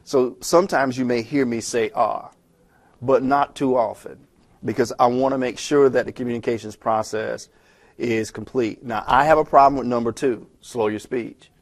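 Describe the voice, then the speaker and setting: Fast-talking man teaching a textbook chapter. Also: mid-range voice, fairly even intonation. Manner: fast-talking, conversational, with restarts. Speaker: instructor. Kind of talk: recorded lecture walking through a textbook chapter. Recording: self-recorded lecture audio.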